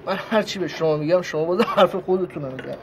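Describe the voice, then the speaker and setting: An actor playing a bank clerk who stays polite and firm with customers, in a TV sitcom. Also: male voice, high voice, background noise. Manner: polite but firm, chuckling. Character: patient, laughing bank clerk.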